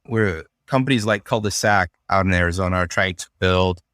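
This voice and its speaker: A young man from Syria, a podcast guest, talking through ideas in a relaxed, thoughtful way with frequent fillers. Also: low voice, a little fast, clean tone, no echo, clean studio sound. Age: young adult. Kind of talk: casual conversational interview.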